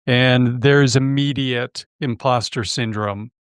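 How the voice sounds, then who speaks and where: A man's voice: mid-range voice, steady tone, slow, clean tone, no room sound, clean studio sound. Male podcast host, engaged interviewer. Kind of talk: conversational interview.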